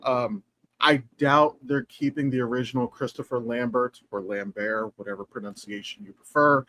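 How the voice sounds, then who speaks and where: A man co-hosting a casual podcast, talking in an animated, profane way that jumps up in pitch when he gets excited. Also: moderate pace, slight background noise. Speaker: podcast co-host.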